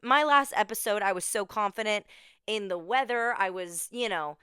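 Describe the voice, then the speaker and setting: Bubbly, bright-voiced woman podcast host. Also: medium pitch, normal speed, clean tone, dry recording, studio quality. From Minnesota, USA. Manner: bubbly, chatty, repeats words for emphasis. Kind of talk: casual solo podcast chat.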